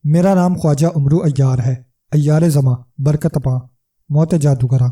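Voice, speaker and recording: A man's voice: a little high, steady tone, mellow, distant mic, natural voice. A man voicing a boastful, scrawny male trickster who blusters and flares up in anger, in a storybook reading.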